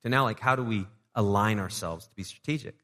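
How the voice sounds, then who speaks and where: In a church sanctuary, a male pastor delivers a casual, joking sermon, tossing playful asides to his congregation. His voice is fairly low, bright and forceful, and he talks fast. The church hall adds a long reverb to the recording.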